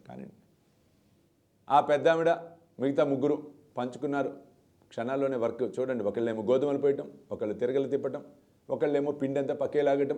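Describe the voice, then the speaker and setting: Male spiritual teacher for a televised discourse, relaxed warm voice, storyteller who acts out the characters. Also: medium pitch. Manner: dramatic storytelling, acts out voices, emphatic repetition.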